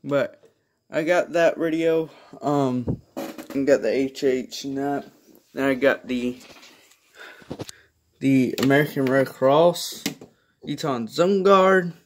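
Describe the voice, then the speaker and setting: Indoors in a small carpeted bedroom, a man films himself on a handheld phone or camera, casually presenting his collection. His middling-pitched speech is slow and rambling, full of hesitations and sentences that trail away, with a bit of background noise.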